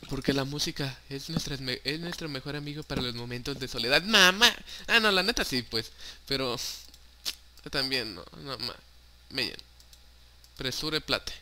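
A young gaming YouTuber with a Mexican Spanish accent narrates his own Minecraft play in an animated, mid-range voice at normal speed. He chats casually, jokes, swears freely, and mixes in English words, with background noise present.

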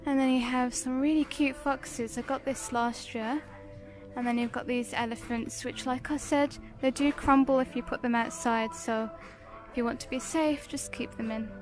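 Over faint background music, a British woman casually showcases products in her shopping vlog, describing each item in brief phrases. She speaks at normal speed in a high voice with a steady tone.

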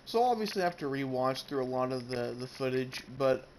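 A gamer narrates his playthrough in casual let's-play commentary, chatting to the game's characters and swearing mildly. His mid-range voice is brisk with lively intonation. The grainy, noisy Bluetooth headset audio picks up game sounds, including horse hooves.

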